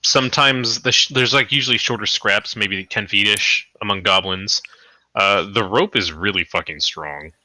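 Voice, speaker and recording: Guy gm running a tabletop stream, super bright sharp voice, bit low, dry sound. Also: normal speed, no room sound. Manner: casual, swearing, rambling narration with fillers. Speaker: game master. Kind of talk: running a tabletop game over a live stream.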